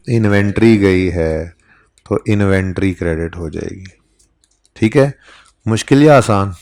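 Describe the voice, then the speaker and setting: A man teaches an accounting class in a relaxed, conversational way. His voice sits a little on the low side. He keeps pausing to ask the students whether they are following. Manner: conversational, keeps checking in with "ठीक है?". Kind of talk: classroom lecture.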